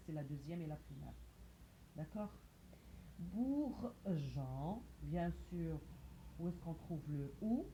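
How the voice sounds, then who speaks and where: A woman's voice: fairly low pitch, dark tone, lo-fi sound, slight background noise. A woman teaching a phonics reading lesson to young children, patiently asking questions and repeating each word aloud. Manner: patient, repeats words and syllables aloud, asks questions and answers them herself.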